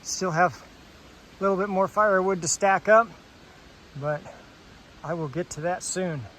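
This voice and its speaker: A man chatting casually as he vlogs outdoors on his rural property, relaxed and full of fillers, a bit out of breath. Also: sits high, a little slow, slight background noise, rough recording. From Alaska. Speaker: homesteader vlogger. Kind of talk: casual outdoor vlog narration.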